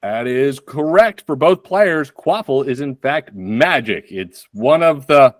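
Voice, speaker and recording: A man hosting a comedy trivia show in a dry, deadpan way. He speaks slowly, with a lively, rising and falling pitch. The sound is dry and close. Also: no echo. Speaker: game show host.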